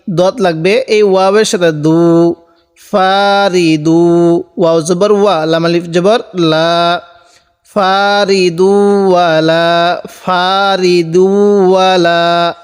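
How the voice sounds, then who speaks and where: A man's voice: high-pitched, smooth, in a large hall. A man teaching Quran reading, spelling out words letter by letter and drawing out the syllables as he recites.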